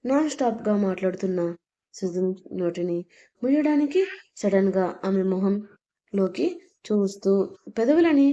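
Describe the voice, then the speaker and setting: A woman narrating a scripted audio story in a steady, expressive reading voice. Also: mid-range voice, a little slow, long pauses. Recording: dull lo-fi recording.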